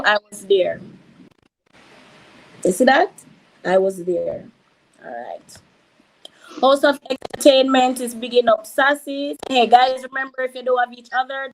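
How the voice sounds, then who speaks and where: A woman's voice: sits high, slight background noise, low-quality recording. Jamaican woman reading out chat. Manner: reads out viewer comments, shouts out names. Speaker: livestream host reading chat. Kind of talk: casual livestream chat.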